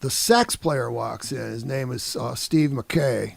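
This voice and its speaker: A man in his sixties from the Detroit area, a guest musician telling an animated story in a casual interview, laughing often and dropping "man" and "you know". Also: medium pitch, slow pace, vocal fry, no room sound.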